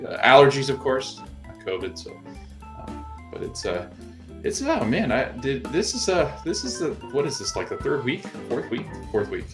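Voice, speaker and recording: A man's voice: medium pitch, big pitch swings, normal speed, music in the background. A man hosting a baseball podcast in casual chat, rambling with lots of fillers and restarts. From Florida. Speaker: podcast host.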